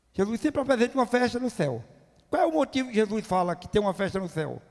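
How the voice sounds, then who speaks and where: A man preaching a sermon, emphatic and full of rhetorical questions. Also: very high-pitched. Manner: emphatic, rising to near-shouting at climaxes, rhetorical questions. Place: church hall. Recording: long reverb of a church hall.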